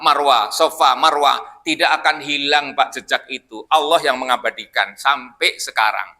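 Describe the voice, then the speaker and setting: Mosque teacher, male, high sharp voice, chatty style that keeps quizzing the room. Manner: chatty, quizzes listeners as "Pak". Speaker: Islamic teacher leading a Quran study. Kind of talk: casual mosque study talk.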